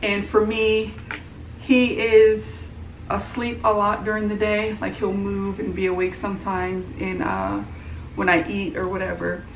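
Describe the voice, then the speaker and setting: A woman's voice: medium pitch, level tone, measured pace, distant mic. A tired, heavily pregnant woman in her thirties giving a rambling, casual update, with lots of fillers and restarts. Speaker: vlogger. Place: at home, room with echo. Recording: roomy, from the mic, noisy home.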